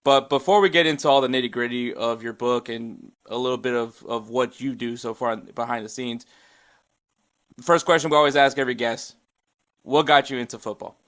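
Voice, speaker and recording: A man's voice: medium pitch, steady tone, fairly quick, fairly bright tone. A man hosting a sports podcast, talking in an upbeat, chatty way with lots of fillers and restarts. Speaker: podcast host. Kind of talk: casual podcast intro and interview.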